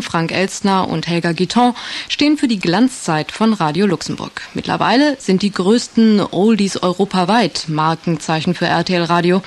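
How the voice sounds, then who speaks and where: A woman radio presenter reading a scripted magazine introduction. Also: medium pitch.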